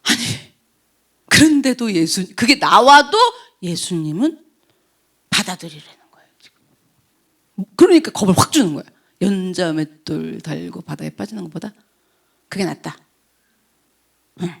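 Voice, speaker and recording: A woman's voice: lowish voice, moderate pace, creaky, pauses often. A middle-aged woman pastor preaching a sermon, asking the congregation questions and acting out voices and sound effects. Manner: animated, acts out quoted voices and sound effects; asks the congregation rhetorical questions.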